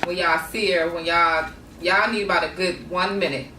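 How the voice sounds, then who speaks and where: A woman's voice: fairly low pitch, steady tone, moderate pace, pushed and bright. A woman in her twenties hosting a casual chat, speaking in a direct, teasing way. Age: 20s. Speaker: host. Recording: roomy, distant mic, noisy.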